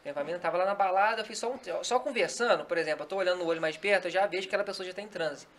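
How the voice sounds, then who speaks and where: A man who works as a hypnotist, giving slow, soothing commands in a demonstration and then explaining his technique in casual podcast chat. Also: high voice, fairly bright tone, slight background noise. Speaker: hypnotist guest.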